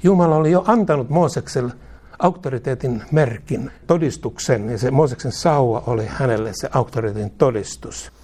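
Preaching man, rising to exhortation. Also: darkish tone. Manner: rises in pitch and force when exhorting. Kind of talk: sermon.

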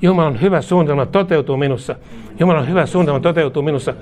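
Male preacher, fairly high voice, fervent, leads call-and-repeat prayer. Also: darkish tone. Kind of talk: charismatic prayer leading.

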